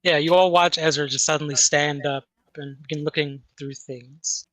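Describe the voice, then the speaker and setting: A man's voice: on the high side, steady tone, moderate pace, fairly bright tone, no room sound, rough recording. A man running a tabletop game as game master, narrating scenes in an improvised way.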